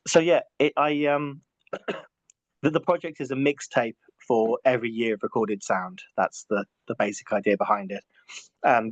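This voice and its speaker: Hesitant middle-aged Englishman, low voice. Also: dry recording. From England. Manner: hesitant, many restarts and repeated words. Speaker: guest. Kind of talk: casual conversational interview. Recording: muffled, dry lo-fi audio.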